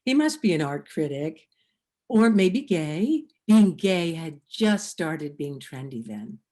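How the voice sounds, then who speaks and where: In a one-act stage comedy, an actress performs the inner monologue of an anxious, witty woman who overthinks every word and drops quick, dry asides, all in a wry mood. Her low-pitched voice has a dark tone and big pitch swings, delivered in a heavily acted way. It's captured through a video call microphone.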